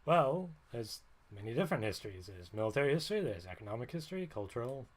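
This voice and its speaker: A man's voice: mid-range voice, very animated, quick pace. A man streaming, talking in a rambling, wry way and often stopping to correct himself mid-sentence. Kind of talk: casual livestream monologue.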